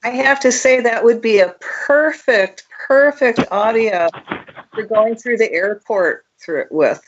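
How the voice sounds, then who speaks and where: A woman's voice: a little high, slow, a little hiss or hum. A woman interviewer chatting casually, heard on a slightly dull recording. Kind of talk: casual chat. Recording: slightly dull, lo-fi call sound.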